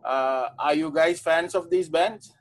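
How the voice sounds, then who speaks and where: A man's voice: on the high side, measured pace. A man hosting a podcast, asking questions in casual chat and often restarting his sentences. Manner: restarts questions, frequent listening sounds. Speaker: podcast host.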